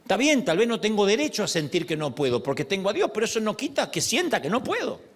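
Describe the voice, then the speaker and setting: Middle-aged male pastor, fairly high voice, lively sermon delivery. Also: fast. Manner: expressive, acts out quoted prayers and voices.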